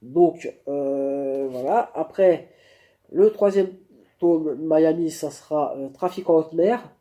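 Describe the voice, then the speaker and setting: Slow, hesitant man reviewing to camera. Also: fairly high pitch, mellow. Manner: hesitant, many fillers and restarts. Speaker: vlogger reviewing a book. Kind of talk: spontaneous face-camera review. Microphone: camera mic.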